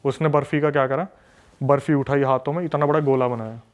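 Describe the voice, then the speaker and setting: A man from a city appears as a podcast guest, telling a story with animated emphasis and plenty of repetition. His mid-range voice moves fast, and the recording is dull and lo-fi.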